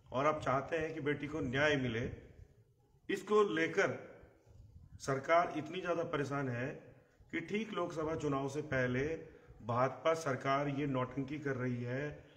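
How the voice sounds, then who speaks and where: A middle-aged man with a hoarse voice, giving emphatic live political commentary and clearing his throat. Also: a little high, fairly bright tone, echoey room, a little hiss or hum. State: hoarse, recovering from a bad cough. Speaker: journalist and live show host. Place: outdoor terrace in the hills. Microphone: phone a short distance away.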